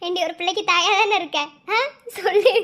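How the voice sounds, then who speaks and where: A woman's voice: extremely high pitch, steady tone, brisk, fairly bright tone. A woman with speech voicing the bantering, scolding women of a family cartoon. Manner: teasing, scolding, bantering between several women. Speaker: cartoon channel creator voicing all characters. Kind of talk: acted cartoon dialogue.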